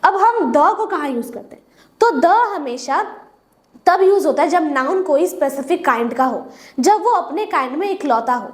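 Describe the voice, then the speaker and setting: A woman's voice: high voice, lively intonation, normal speed. A woman whose first language is Hindi, teaching English grammar step by step and asking and answering her own questions. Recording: echoey room.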